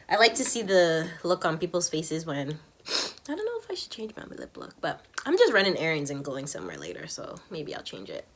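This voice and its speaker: A young woman vlogger chatting casually to viewers while she does her makeup, animated and candid, slipping into whispered asides. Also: on the low side. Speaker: beauty vlogger.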